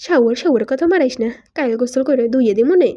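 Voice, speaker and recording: A stingy, foul-mouthed young husband, voiced by a woman reading the story in a high, mellow voice. He blusters and swears in coarse village dialect, quick to take offence. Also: lively intonation, muffled recording. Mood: irritated. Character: cursing, stingy young man, newly married.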